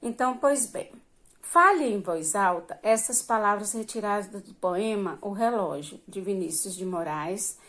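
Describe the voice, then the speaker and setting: Woman teaching young kids remotely, very slow, patient, drawn-out words. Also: medium pitch, animated, fairly bright tone. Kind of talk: remote primary school lesson.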